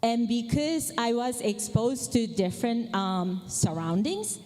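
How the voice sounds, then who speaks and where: A woman from Japan gives a conference talk in a slightly high voice. She speaks slowly and deliberately and asks the audience questions. A large hall's long reverb trails after her words. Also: lively intonation, a little mellow. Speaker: keynote speaker.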